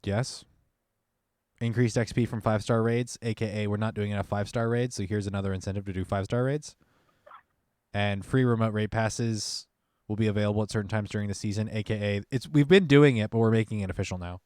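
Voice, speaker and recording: A man's voice: lowish voice, steady tone, a little fast, a little mellow, dry recording, studio quality. A young man co-hosting a podcast in casual chat, reading announcements aloud and adding side comments. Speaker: podcast co-host.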